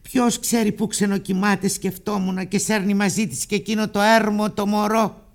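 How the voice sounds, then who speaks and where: A man's voice: high-pitched, little pitch movement. A man narrating a literary story in the first person, with emotional storytelling. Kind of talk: literary audiobook reading.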